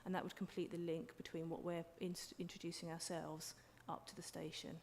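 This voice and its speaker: A woman explains a point formally at a public hearing. Her voice is on the low side with little rise and fall. The hall echoes, with background noise. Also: level tone, brisk, a little mellow.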